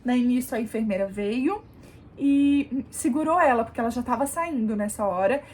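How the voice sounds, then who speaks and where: A young woman vlogger casually telling a story to camera in an animated way, often calling out to her viewers and showing what she did. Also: fairly high pitch, normal speed, husky. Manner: animated, addresses viewers as "gente", demonstrates positions. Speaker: vlogger, new mother.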